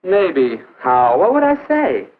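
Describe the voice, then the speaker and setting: A young man acting an earnest, hesitant high school athlete in the stilted style of a 1950s educational film. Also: huge pitch swings, slow, exaggerated voice. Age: teens or young adult. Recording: narrow phone-like 1950s film soundtrack.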